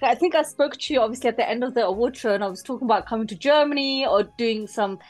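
A woman in her thirties co-hosting a video-call interview, upbeat and encouraging, with quick interjections. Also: on the high side. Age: 30s. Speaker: co-host.

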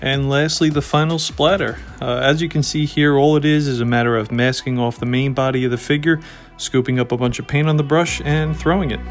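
A man with a Long Island accent narrating a painting time-lapse in a relaxed, joking way, with many "uh" fillers. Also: mid-range voice, fairly quick, soft background music. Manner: relaxed, self-deprecating, frequent "uh" fillers. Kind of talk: casual voice-over narration.

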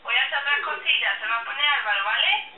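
A woman's voice: sits high, fast talker. A woman with an accent from Spain, chatting casually over a landline phone. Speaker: daughter on a phone call. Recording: tinny phone playback, distant, echoey, faint noise.

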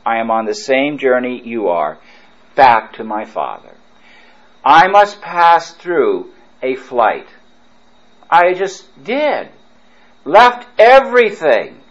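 A priest preaching a retreat sermon, fervent and emphatic, drawing his phrases out slowly. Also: mid-range voice, huge pitch swings, a bit bright, dull audio.

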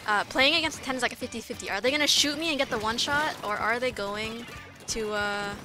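A woman's voice: a little high, fairly quick. A young woman streaming as a VTuber, chatting loosely with her viewers, eating and swearing freely while playing. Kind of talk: casual livestream chat while eating and gaming. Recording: streamer mic with game music behind. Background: game music.

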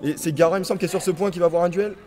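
Fast Frenchman calling matches like a game announcer. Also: high voice. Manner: excitable, repeats player names and key phrases. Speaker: esports commentator. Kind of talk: excited play-by-play game commentary, like a fighting game announcer. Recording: crowd noise behind the voice.

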